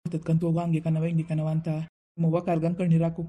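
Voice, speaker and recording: A woman's voice: low-pitched, monotone, very fast, warm tone, husky. A woman voicing a pushy village woman in a cartoon, brusque and bossy as she urges her friend on. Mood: urging. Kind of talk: cartoon voice acting.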